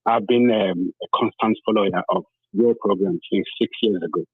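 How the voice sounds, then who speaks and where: This southern Nigerian caller has a lowish, slightly rough voice and talks fairly quickly. With a Nigerian accent, he gives impassioned, emphatic testimony on a talk programme, repeating phrases for force. The thin phone-line audio also has a roomy quality.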